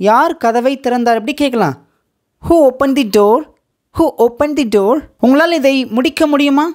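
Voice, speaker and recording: Slow, high-voiced woman teacher with Tamil accent. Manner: repeats each English question slowly twice, then quick asides. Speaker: spoken English teacher. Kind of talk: slow repeat-after-me language lesson.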